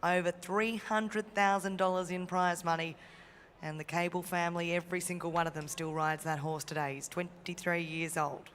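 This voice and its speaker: An Australian woman hosts a live event with an even, level delivery. Her voice carries through a reverberant arena PA with some faint noise behind it. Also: on the low side, normal speed. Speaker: event host and co-announcer.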